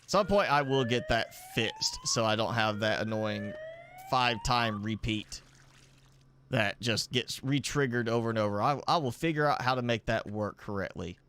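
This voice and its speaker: A man's voice: mid-range voice, wildly swooping pitch, moderate pace, a bit bright, slight background noise. A man hosting a casual live gameplay stream, thinking aloud as he builds, rambling and chuckling now and then. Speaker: gaming channel host. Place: indoors at home with a pet dog.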